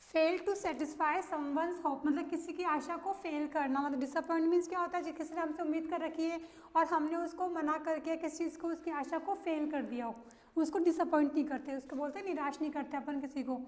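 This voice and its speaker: A woman's voice: high voice, fairly even intonation, brisk, darkish tone. A woman teacher with an Indian accent explaining vocabulary to a class, repeating words and asking questions as she goes. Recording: roomy sound with long reverb.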